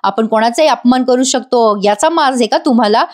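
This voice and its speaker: A scornful, angry man, read by a woman with a higher pitch. He talks harshly and with open contempt. It stays close to plain reading. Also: a little fast, a little mellow, close to an everyday voice. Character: angry protective man, hostile older brother.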